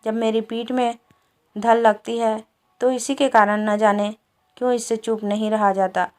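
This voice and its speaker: A woman's voice: on the high side, little pitch movement, a little slow, smooth, lightly acted. Woman reading a weary, stern peasant man.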